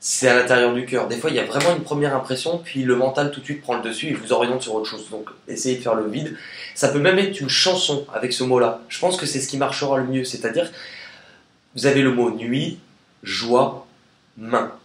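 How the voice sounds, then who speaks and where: A man giving a relaxed, chatty tarot card reading in a casual video. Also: mid-range voice, fairly quick. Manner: chatty and relaxed, sings snatches of songs. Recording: echoey room with faint noise.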